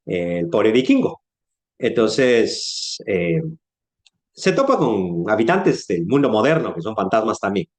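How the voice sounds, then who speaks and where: A man preaching a Bible sermon, telling stories in an animated way and acting out dialogue. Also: mid-range voice. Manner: animated storytelling with acted-out dialogue.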